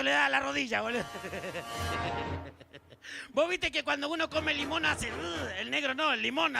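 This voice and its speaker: Argentine man, high raspy voice, slow teasing stage patter over live music. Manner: crude, teasing, shouted asides. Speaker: stage entertainer. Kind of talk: live stage banter and jokes. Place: outdoor winter festival stage. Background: music and crowd.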